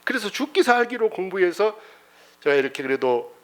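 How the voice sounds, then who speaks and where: A man's voice: high-pitched, very animated, normal speed. A man voicing an earnest, humble young job applicant who answers questions about his studies.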